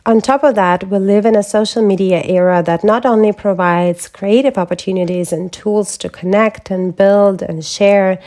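A woman hosting her own wellness podcast, talking alone from a script. Her voice is mellow and soft-toned, at a middle pitch. She keeps a calm, measured, reflective pace throughout. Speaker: podcast host and holistic health coach. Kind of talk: scripted solo podcast talk.

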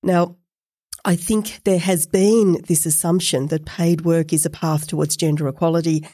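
A woman hosting an academic discussion podcast, speaking in a measured, thoughtful way. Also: lowish voice, steady tone, mellow, no echo, clean studio sound. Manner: measured, thoughtful, some fillers. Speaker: podcast host.

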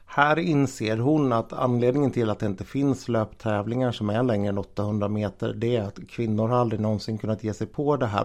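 A man's voice: mid-range voice, gravelly, darkish tone. A man narrating a true story in a casual, conversational way. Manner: conversational, with fillers and restarts.

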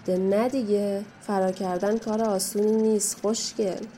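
A woman playing a mocking, menacing young waitress who talks down to people and gives sharp warnings, in an audio drama. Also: mid-range voice, little pitch movement, slight background noise, close to an everyday voice. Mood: scornful. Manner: scornful, taunting, bossy. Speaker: guest voice actor.

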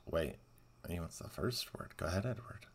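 A man's voice: low voice, expressive, moderate pace, breathy edge. A man hosting a podcast in casual comedic chat, full of joking, sarcastic asides. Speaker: podcast host.

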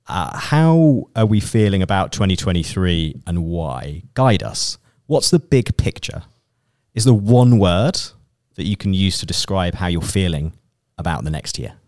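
Deep dry-voiced male podcast host. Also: big pitch swings, a little slow, a little mellow, no echo. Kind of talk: podcast panel moderation. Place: London.

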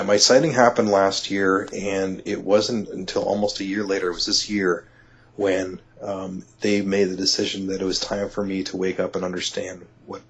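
A man talking as an interview guest, telling a personal story in a halting way, full of restarts and "you know", and he gets excited when he is amazed. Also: sits low, husky. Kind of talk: conversational storytelling. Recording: dull lo-fi audio.

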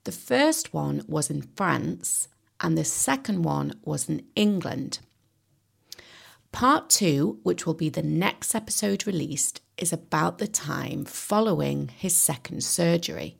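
A woman hosting an English-learning podcast, explaining and interviewing in a clear, teacher-like way. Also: low voice, animated, takes it slowly. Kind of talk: scripted lesson narration and interviewing.

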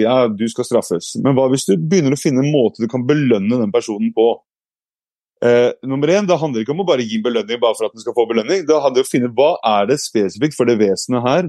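A man's voice: mid-range voice, mellow, dry recording, clean studio sound. A man giving a casual explanatory talk, reflective, with frequent hesitations and restarts. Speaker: speaker.

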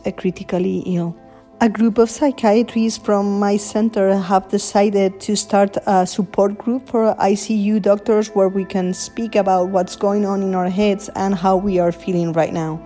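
A woman's voice: medium pitch, dark tone. A woman from Spain with a Spanish accent, an intensive care doctor sending a tired, earnest recorded statement. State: tired after a long shift.

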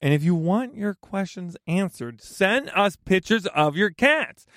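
A woman's voice: medium pitch, lively intonation, unhurried, no echo, studio quality. A woman hosting a home-repair advice podcast, chatting casually in a playful, joking, self-teasing way. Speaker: podcast host.

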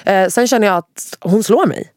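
A young woman telling a wild story in casual podcast chat. She is animated, swears a lot and often drops English phrases into her talk. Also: mid-range voice, no room sound, clean studio sound.

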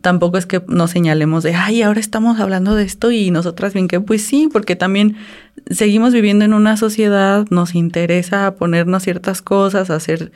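A woman's voice: mid-range voice, fairly even intonation, a little fast, darkish tone. A woman, co-hosting a casual podcast and reflecting aloud with questions. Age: 30s. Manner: reflective, asks herself questions. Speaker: podcast co-host.

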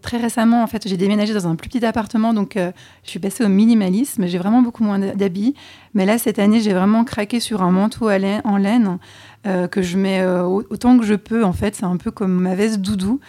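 A chatty woman answering interview questions with a mellow, warm tone. She talks candidly and hesitates now and then as she thinks. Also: mid-range voice, fairly even intonation, a little fast. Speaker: podcast co-host being interviewed.

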